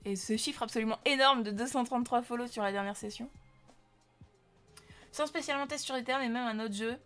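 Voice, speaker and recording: A young woman from France chats on her live stream into a desk microphone, her voice sitting a little high. She talks loosely and warmly to her viewers, full of fillers and greetings, with faint music underneath. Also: fairly quick. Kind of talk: casual live-stream chat.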